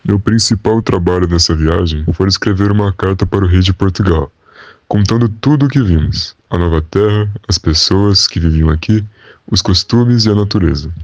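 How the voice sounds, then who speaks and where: A young man playing a calm, proud Portuguese royal scribe, recounting in a measured, formal way on a school podcast. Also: low voice, no echo, highs cut off, natural voice. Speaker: interviewee. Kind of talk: school podcast role-play.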